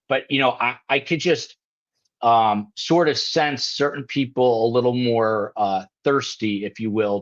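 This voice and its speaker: Low-voiced man on a muffled video call. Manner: rambling, full of ums and you-knows. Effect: video call audio. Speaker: live show host. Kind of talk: casual panel chat on a live stream. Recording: dull lo-fi video call line.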